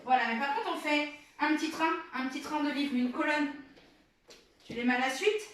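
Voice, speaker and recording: A woman's voice: high-pitched, fairly quick. A mother demonstrating play games at home, encouraging and coaching her child as she explains to viewers. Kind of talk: casual how-to demonstration for viewers. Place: home indoors, small space. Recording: very echoey room, distant mic, faint noise.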